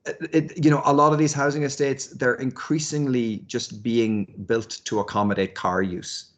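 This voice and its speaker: A man's voice: medium pitch, flat delivery, normal speed. A man giving thoughtful, hesitant interview answers, often repeating words as he works out his ideas. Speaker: university lecturer and researcher, interviewee.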